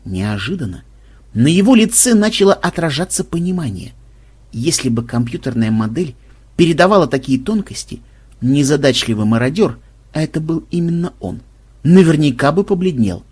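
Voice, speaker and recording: A man's voice: on the high side, sing-song, moderate pace, darkish tone, breathy edge. A man narrating an audiobook expressively, giving each character a voice.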